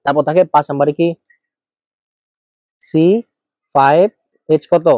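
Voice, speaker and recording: A man's voice: fairly high pitch, little pitch movement, unhurried, a little mellow, no echo. A man teaching chemistry, dry close sound. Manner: asks and answers his own questions, thinks aloud while writing; addresses students familiarly, often checks in. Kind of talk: informal classroom lecture.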